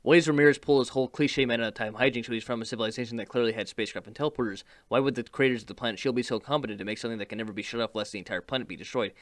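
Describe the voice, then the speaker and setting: A man narrating a scripted film review voice-over in a brisk, wry manner, rattling off critical questions. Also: mid-range voice, a bit bright, no echo. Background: background music.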